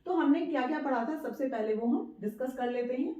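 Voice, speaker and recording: A woman's voice: sits high, warm tone. Patient woman teaching in an echoey room. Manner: patient, repeats points and checks in with "ठीक है"; spells out words slowly syllable by syllable. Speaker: Hindi teacher. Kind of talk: spoken Hindi writing lesson. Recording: echoey room, dull lo-fi sound.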